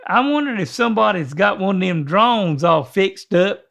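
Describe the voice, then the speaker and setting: A high-voiced older man with a strong creak in his voice and a Southern US accent. He rambles along in a folksy drawl, chatting casually as a co-host. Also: lively intonation, normal speed, a bit bright. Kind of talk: casual chat.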